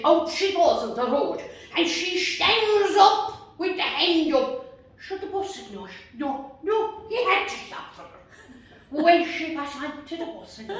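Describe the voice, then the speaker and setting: An Irish woman tells a comic folk tale in a high voice. Her delivery is colloquial and animated, with dialogue acted out. She sounds distant from the microphone in a very echoey room. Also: slight background noise. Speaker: storyteller. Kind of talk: live comic folk storytelling. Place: indoor cottage gathering.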